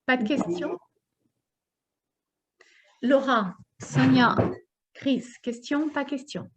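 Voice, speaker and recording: Expressive woman coach, fairly high voice. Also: slow, slight background noise. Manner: expressive, acts out her inner voice in quotes. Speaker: personal development coach. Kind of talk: group coaching session talk.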